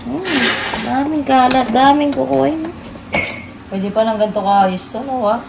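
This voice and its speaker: High-voiced woman scolding, echoey room. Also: a little slow, gravelly, far from the mic, very noisy. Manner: stern, scolding, repeating questions. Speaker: mother scolding her daughter. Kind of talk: vlog confrontation.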